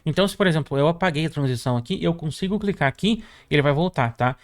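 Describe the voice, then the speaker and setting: A Brazilian man walking viewers through a software tutorial, constantly checking in with "tá?" as he clicks through features. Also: fairly high pitch, animated, dry recording, clean studio sound. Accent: Brazilian Portuguese. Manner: brisk, peppers sentences with "tá?" and "ó". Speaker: tutorial host. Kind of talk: screen-recorded software tutorial.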